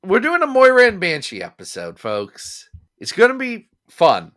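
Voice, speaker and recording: A man co-hosting a comics podcast in casual comedic chat, jokey and animated, swinging between loud bursts and mumbles. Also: sits high, moderate pace. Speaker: podcast co-host.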